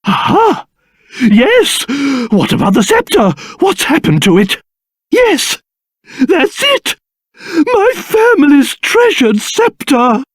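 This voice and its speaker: King Trode, wildly excitable pompous old British king. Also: slow, dry recording, clean studio sound, exaggerated voice. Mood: excited. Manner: pompous, theatrical, swinging between grumbling and shrill outbursts. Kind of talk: video game character voice acting.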